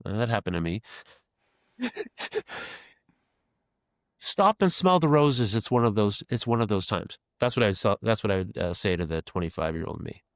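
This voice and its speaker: Earnest fifty-year-old man, low dry voice. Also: expressive, moderate pace, long pauses, dry recording. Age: 50s. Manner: earnest, reflective, repeats phrases while thinking. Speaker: podcast guest, creative executive. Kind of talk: casual reflective interview talk.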